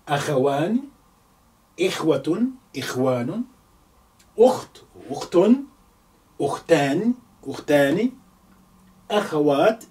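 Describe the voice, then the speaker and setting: Slow, lively male teacher. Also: on the high side, distant mic. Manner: repeats each word slowly, English explanations with occasional slips. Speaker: Arabic teacher. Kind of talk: slow spoken language lesson.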